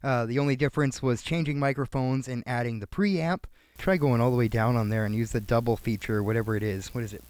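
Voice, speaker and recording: A man's voice: mid-range voice, quick pace, darkish tone, no room sound. Laid-back man reviewing microphones, dry sound. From Canada. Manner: chatty, laid-back, thinks aloud with fillers. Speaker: video creator testing microphones. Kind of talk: casual gear review talking to viewers. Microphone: switching between studio dynamic microphones.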